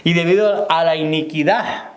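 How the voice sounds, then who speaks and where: A pastor with a somewhat high voice and steady tone preaches at normal speed in church. Calling out to the brethren, he repeats "hermano" and checks in with "¿me entiende?" The hall sounds echoey.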